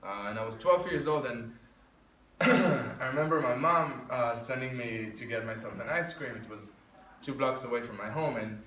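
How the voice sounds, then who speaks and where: Here the Arabic-speaking Israeli officer, a man in his twenties, talks at a moderate pace in a mid-range, fairly bright voice. It's a casual presentation to students indoors before an audience, marked by many ums, restarts and dry wit. The far-off mic gives a roomy echo with a little hiss or hum.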